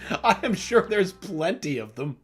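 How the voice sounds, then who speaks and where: Animated, lively-pitched man streaming games. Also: a little slow, faint music behind. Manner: laughs often, playful and animated. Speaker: gaming livestream host. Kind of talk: casual gameplay commentary.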